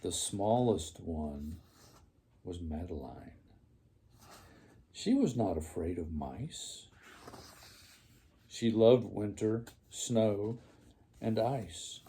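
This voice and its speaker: An older man, a grandfather, reading a children's storybook aloud in a slow, deliberate, gravelly old man's voice. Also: low voice, animated, dark tone.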